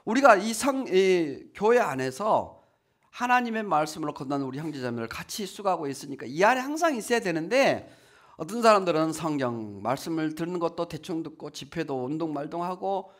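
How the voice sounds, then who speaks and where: A man's voice: on the high side, a little fast. A man preaching a sermon at a church, often asking the congregation questions and acting out the people he quotes. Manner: lively, asks the congregation questions, acts out quotes. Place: church hall.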